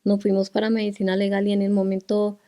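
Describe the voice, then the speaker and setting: A middle-aged woman giving emotional personal testimony as a guest, speaking haltingly with restarts. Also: mid-range voice, monotone, dark tone. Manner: halting, with restarts and fillers while recounting. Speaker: guest, grieving mother.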